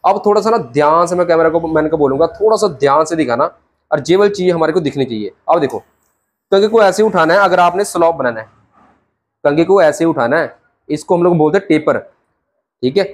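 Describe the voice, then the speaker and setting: A man's voice: a little high, lively intonation, a little fast. A young man, a barber, teaching a haircut step by step to camera in a small shop, chatty and brotherly, speaking on a lapel mic. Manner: chatty, brotherly, keeps saying "theek hai". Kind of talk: hands-on tutorial talk to camera. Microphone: clip-on lapel mic.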